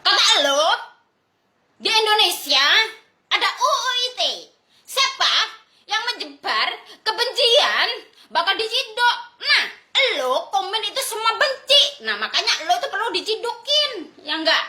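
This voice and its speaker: A woman's voice: extremely high pitch, sing-song, a little slow, pushed and bright, echoey room. A woman vlogger delivering a blunt, crude, confrontational rant to her viewers. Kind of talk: ranting monologue to viewers.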